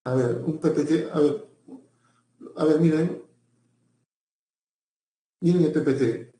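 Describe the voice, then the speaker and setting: A man's voice: fairly high pitch, slow, mellow, echoey room. A male teacher giving a pre-university language lecture, often repeating himself and checking in with his students.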